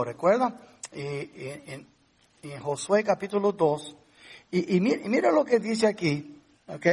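Brief: male pastor, emphatic sermon, lively pitch swings, mix. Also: husky. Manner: emphatic preaching with questions to the congregation and English fillers.

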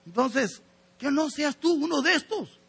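A man's voice: very high voice, lively intonation, unhurried, creaky, a bit bright. A man preaching a sermon as pastor to his congregation, earnest and exhorting, often calling his listeners brothers.

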